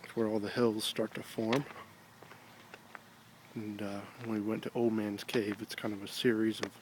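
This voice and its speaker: An American man talking casually with a pipe in his mouth, rambling in a halting, reflective, unhurried way. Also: on the low side, little pitch movement. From Ohio, United States. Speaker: video blogger. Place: outdoors on an evening stroll. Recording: noticeable background noise, ambience.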